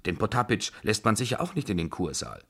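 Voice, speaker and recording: A man voices a proud, patronizing general with a deep, low voice. He talks down with ironic politeness in a radio reading. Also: very animated, brisk, fairly bright tone, breathy edge, heavily acted. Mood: haughty. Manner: haughty and patronizing. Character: haughty retired general, middle-aged man, condescending.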